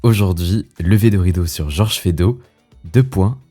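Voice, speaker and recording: A man hosting a podcast, calmly presenting a scripted introduction. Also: deep voice, unhurried, over music. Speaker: podcast host.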